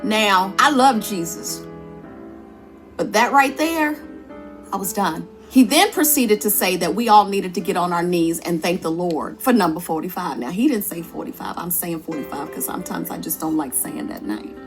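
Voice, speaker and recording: A woman's voice: fairly low pitch, expressive, normal speed, music in the background. Earnest woman telling her testimony. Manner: earnest, conversational, emphatic. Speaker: church singer sharing her testimony. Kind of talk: personal testimony, storytelling.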